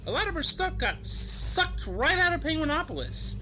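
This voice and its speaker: A woman pitches her voice up to play an awkward, foul-mouthed young man in a homemade cartoon. He rambles excitably and his pitch leaps all over. His voice rings bright and sharp. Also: normal speed, slight background noise, full character voice, poor audio. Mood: excitable. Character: awkward, crude young man telling a date story. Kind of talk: animated comedy voice acting.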